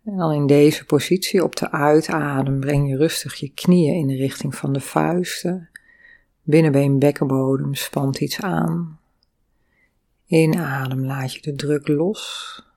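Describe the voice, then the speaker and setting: Calm low-voiced woman guiding breathing. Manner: calm, slow guiding with sung vowel sounds. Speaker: movement and breathing instructor. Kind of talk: guided breathing and body exercise.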